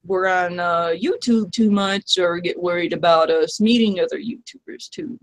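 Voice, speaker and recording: A woman's voice: lowish voice, normal speed. A woman hosts a casual live stream. She chats easily and reads out viewer comments as they come in.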